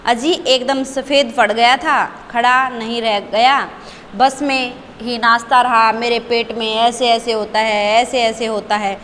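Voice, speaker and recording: A woman's voice: fairly high pitch, level tone, measured pace, fairly bright tone, big-room sound, slight background noise. A woman teacher reading the part of a father, politely answering a doctor on the phone. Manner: polite, deferential.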